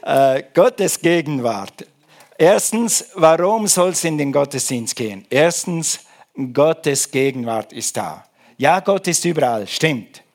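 A man preaching from the pulpit, his fairly high voice swinging with emphasis. He prays, then drives his message home with question after question to the congregation. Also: takes it slowly. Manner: lively, emphatic, rhetorical questions. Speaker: pastor. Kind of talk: sermon.

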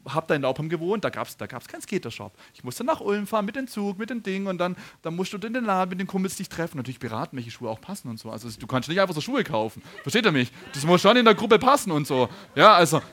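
A man's voice: high-pitched, big pitch swings, fast talker, hardly any pauses, pushed and bright. A man preaching a sermon, telling stories, laughing and asking the congregation questions.

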